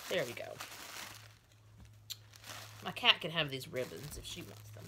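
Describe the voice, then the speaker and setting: Unboxing a doll for her vlog, this collector in her thirties gushes over each tiny item while a cat and child are nearby at home. She speaks slowly in a low, sing-song voice against a noisy background.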